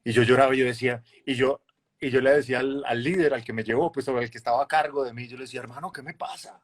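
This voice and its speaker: A man in his forties, a guest telling his conversion story in a casual chat, lively, acting out the voices of others. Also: mid-range voice, quick pace. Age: 40s. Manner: lively storyteller, acts out voices and shifts loudness a lot. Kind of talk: animated testimony in a casual chat.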